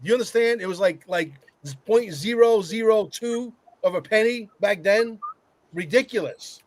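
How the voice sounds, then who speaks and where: A man with a notably high voice holds forth on a panel talk. He is emphatic and blunt, repeating phrases to drive his points home. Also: moderate pace, no room sound. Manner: emphatic, repetitive, coarse-tongued. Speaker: roundtable panelist. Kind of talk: animated opinionated discussion.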